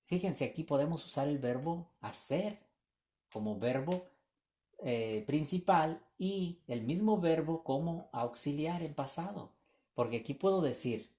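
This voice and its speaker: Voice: medium pitch, mellow. An English teacher giving a recorded grammar lesson, explaining patiently, repeating examples and often checking whether students follow.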